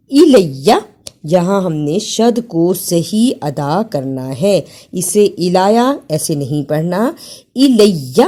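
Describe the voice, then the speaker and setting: Mellow-voiced woman teaching Quran recitation. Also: lowish voice. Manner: reciting verses, then slowly spelling out letters and vowel marks. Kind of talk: Quran recitation lesson with Urdu explanation.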